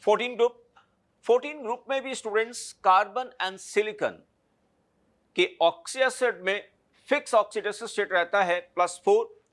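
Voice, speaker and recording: Man, high voice, chemistry lecture, step-by-step, deliberate on key terms. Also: fairly bright tone. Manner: explains step by step, often checks understanding with a tag question. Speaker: chemistry teacher. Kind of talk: classroom lecture.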